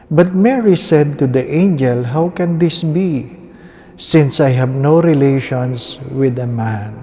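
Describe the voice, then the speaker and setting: Male priest, Filipino accent, unhurried and mellow, solemn liturgical delivery in long cathedral echo. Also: mid-range voice. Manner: measured, deliberate, pausing between short phrases. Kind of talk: solemn scripture reading and homily. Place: inside a large reverberant church.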